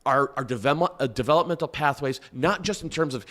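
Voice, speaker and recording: A man analyzing soccer on a panel, making his argument in a measured, firm way. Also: mid-range voice, fairly bright tone. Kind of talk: casual panel discussion.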